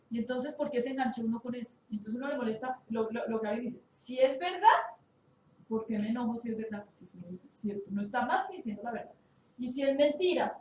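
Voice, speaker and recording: A woman with a fairly high voice tells the group a story. She hesitates and hunts for words as she goes. She is heard from across an echoey room with faint hiss. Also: darkish tone, far from the mic. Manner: halting, searches for words. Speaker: workshop participant. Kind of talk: retelling an anecdote in class.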